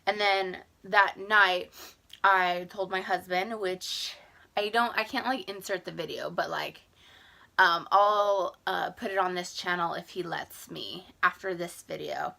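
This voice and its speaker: A woman's voice: fairly low pitch, steady tone, a little slow, creaky, sharp tone. A young woman chatting casually in a vlog, rambling with lots of "like". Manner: chatty, rambling, filler-heavy with many "like"s. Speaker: vlogger. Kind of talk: casual pregnancy update vlog.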